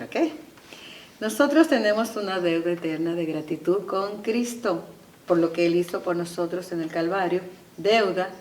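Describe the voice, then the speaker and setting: A woman preaching a sermon with passion, swelling to loud emphatic peaks and slipping English phrases into her talk. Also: lowish voice. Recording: echoey room, voice from far off.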